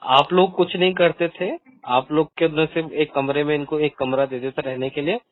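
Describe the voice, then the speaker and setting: A man's voice: on the high side, fairly even intonation, moderate pace. A man on a phone call who mostly listens and agrees with short murmurs, then speaks up in a plain conversational way. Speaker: caller. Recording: tinny dry phone line.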